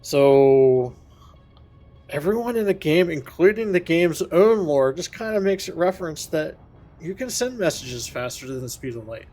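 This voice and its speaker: A man streaming a space game, thinking out loud in a casual, rambling way and correcting himself as he goes. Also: on the high side, expressive, normal speed, faint music behind. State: has the hiccups. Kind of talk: casual gameplay commentary.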